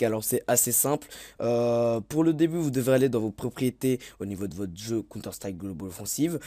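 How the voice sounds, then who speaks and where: Mellow and medium in pitch, a YouTuber's dry voice-over walks through a video game tutorial casually. He's unsure as he goes, full of filler words and self-corrections.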